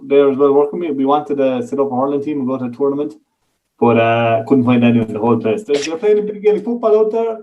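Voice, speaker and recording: A man's voice: mid-range voice, fast talker, muffled recording, a little hiss or hum. A man with an Irish accent chatting casually as a guest, colloquial and sweary. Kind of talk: casual chat.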